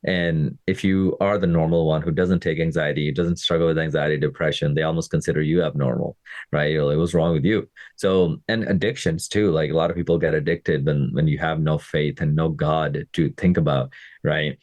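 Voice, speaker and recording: A man's voice: a bass voice, steady tone, moderate pace, a little mellow, no echo. A man in his thirties from Pakistan, a fitness coach and podcast host, talks to listeners in a casual, conversational way and often checks in with them. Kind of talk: casual motivational podcast monologue.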